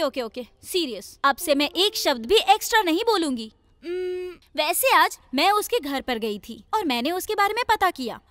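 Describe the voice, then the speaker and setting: A woman's voice: sits high, sharp tone, no room sound, exaggerated voice. A woman dubbing a chatty, teasing young psychiatrist in a film, talking on and on. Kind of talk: Hindi film dub. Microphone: studio dubbing mic.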